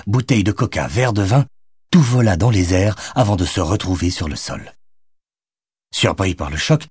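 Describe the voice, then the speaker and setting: A male audiobook narrator reads a novel in a deep, breathy-edged voice. His delivery is expressive and lively in pitch, recorded dry and close. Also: no echo.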